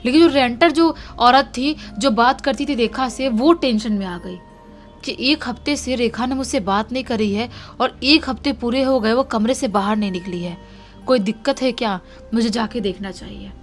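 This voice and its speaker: A woman's voice: a little high, normal speed, soft background music. A woman narrating a horror story in a casual, conversational way, repeating lines for emphasis.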